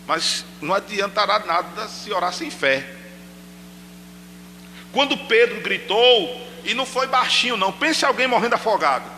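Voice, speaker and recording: A high-voiced man preaches into a microphone in a church, addressing the congregation directly and acting out shouted pleas. His tone is very bright and piercing, and a long hall reverb trails each phrase. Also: animated, moderate pace, a little hiss or hum. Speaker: pastor. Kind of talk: sermon. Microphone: handheld microphone.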